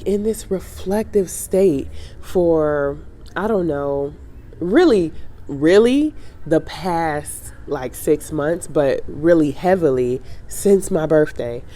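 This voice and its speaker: This woman in her thirties, a travel vlogger, speaks casually to camera in a reflective vlog, often using fillers and starting over. Still recovering from a sinus cold, she sounds stuffy and nasal, and her voice is deep with a dark tone.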